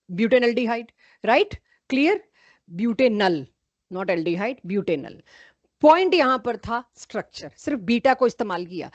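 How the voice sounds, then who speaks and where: A woman's voice: a little high, dry recording. A woman chemistry teacher giving a live online class, calling on students by name and correcting them firmly.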